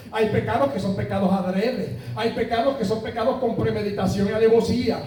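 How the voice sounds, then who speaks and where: High-voiced Puerto Rican preacher in echoey church. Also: male voice, dark tone, recorded from a distance. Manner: preaching with rhetorical questions and anecdotes. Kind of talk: sermon. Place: church sanctuary.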